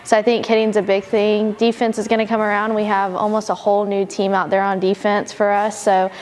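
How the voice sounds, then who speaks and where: A woman softball coach talking casually about her team, with many fillers. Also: medium pitch, completely flat delivery, a little fast, slight background noise. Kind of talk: interview talk.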